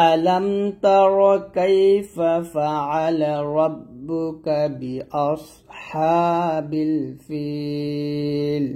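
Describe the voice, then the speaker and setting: A man teaching Quran reading, patiently spelling out each syllable and repeating the verses slowly in a chanting tone. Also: on the high side, mellow.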